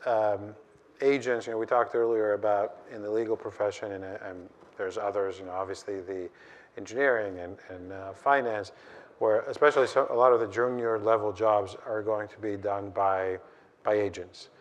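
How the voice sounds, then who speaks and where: A man moderating a conference panel, asking long rambling questions with frequent restarts. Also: on the low side. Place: conference stage. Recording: dull lo-fi sound.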